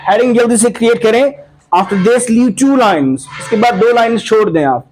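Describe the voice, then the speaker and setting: A man's voice: very high-pitched, normal speed, darkish tone, rough recording. A man teaching English pronunciation to a classroom, mixing Hindi and English and drilling the students on sounds. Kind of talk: classroom lesson.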